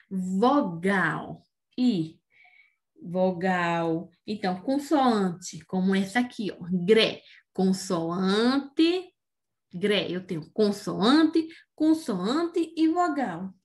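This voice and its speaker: A Brazilian woman teaching young children about syllables, slow and patient, often checking in with "né?" and "não é?". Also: mid-range voice. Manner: slow and patient, asks "né?" and "não é?" after most points; says words slowly, syllable by syllable. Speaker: primary school teacher. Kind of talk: remote reading lesson for young children.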